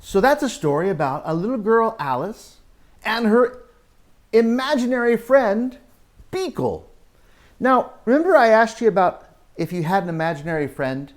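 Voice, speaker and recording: Speaking in a high register, this man leads kids through Bible talk and story time. His delivery is lively and theatrical, with dramatic pauses and questions aimed at the young audience.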